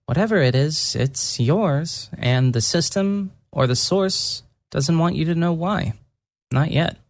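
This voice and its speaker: Voicing a gentle young mage in a fantasy audio story, the narrator murmurs softly and deliberately, earnest and a touch teasing, in a quiet, intrigued mood. The expressive mid-range voice is pitched higher than the performer's natural one.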